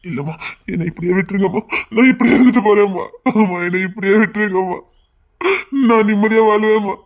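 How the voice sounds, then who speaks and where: Anguished young son, tearful and guilt-ridden, high voice for a man. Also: fast. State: crying. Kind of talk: TV serial acting.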